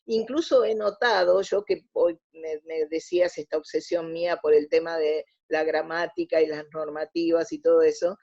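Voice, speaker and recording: Her voice fairly low, gravelly and dark-toned, with the highs cut off, an Argentine woman guests on a conversational radio interview. A native Spanish speaker, she explains her views and frequently rephrases partway through sentences.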